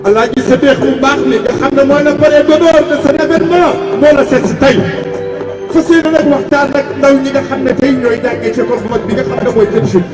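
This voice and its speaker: A man acting as master of ceremonies, announcing in a formal, declamatory manner through an outdoor loudspeaker. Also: extremely high pitch, fast. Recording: echoey distant PA with loud music.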